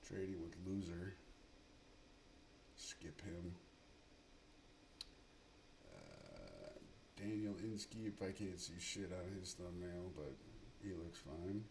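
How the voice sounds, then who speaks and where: Low-voiced man mumbling trading commentary. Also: sing-song, slow pace, gravelly, pauses often, background noise. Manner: profane, mumbling running commentary. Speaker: livestream day trader. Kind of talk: live market commentary.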